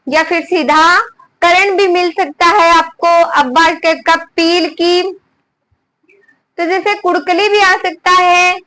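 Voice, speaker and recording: High-pitched, slow-dictating woman teacher. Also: bright, forceful tone, low-quality recording. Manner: repeats items for students to write down; asks students questions and answers them herself. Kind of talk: classroom lesson dictating notes.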